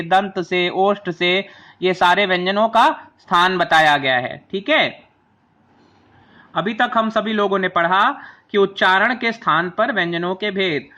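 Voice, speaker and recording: A man teaching a grammar lesson. He spells out each sound slowly, one at a time, and asks the class to say them along with him. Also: sits high, pushed and bright. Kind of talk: classroom lesson explaining a chart.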